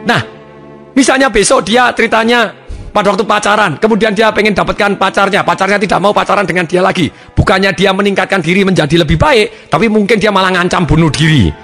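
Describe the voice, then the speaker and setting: A man giving a recorded self-development lesson, animated and acting out his examples. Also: high voice, fast, faint music behind. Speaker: motivational trainer.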